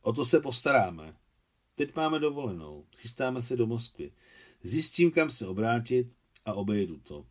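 A man's voice: mid-range voice, very animated. A man reading as a firm, resolute man. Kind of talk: reading a novel aloud.

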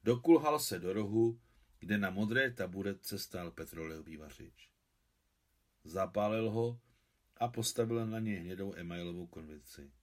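A man, the translator, calmly reading a novel aloud in a measured way. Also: low-pitched.

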